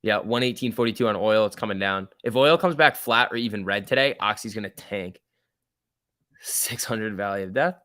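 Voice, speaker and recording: Bright-voiced man hosting a trading livestream. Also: lowish voice, moderate pace, no room sound, studio quality. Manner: slangy, informal, chummy address to viewers. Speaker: stock trading livestream host. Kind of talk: casual off-the-cuff live market commentary, reading and answering chat.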